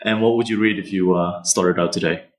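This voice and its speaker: Podcast host guy, lowish voice, friendly, asks questions. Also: fairly even intonation, brisk. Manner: friendly, with scripted intro and short back-channel replies. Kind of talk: interview hosting.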